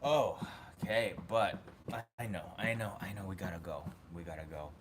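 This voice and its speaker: A man's voice: low voice, normal speed, noisy background. A man hosting a casual livestream from his home, chatting with viewers, reading the chat aloud and laughing often. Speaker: livestream host.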